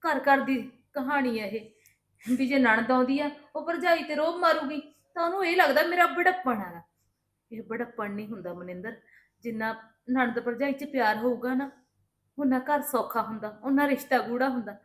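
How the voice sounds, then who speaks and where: A woman with a Punjabi accent playing a patient daughter-in-law who calmly reassures her sister-in-law. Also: high voice, normal speed, reverberant. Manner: calm, reassuring, explaining at length. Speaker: daughter-in-law in a family drama. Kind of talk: scripted family drama acting.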